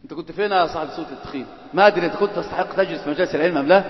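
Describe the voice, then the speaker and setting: A man's voice: fairly high pitch, rapid-fire. A man teaching an Islamic lesson, switching between classical and colloquial speech and teasing and quizzing his students. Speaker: religious teacher. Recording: echoey hall, dull lo-fi sound.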